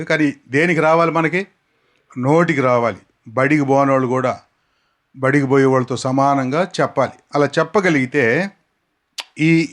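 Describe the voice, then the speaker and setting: A man preaching a sermon outdoors, repeating scripture words slowly and asking his listeners to say them back. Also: a little high, fairly bright tone. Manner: repeats key words slowly for the crowd to echo. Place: outdoors in the sun.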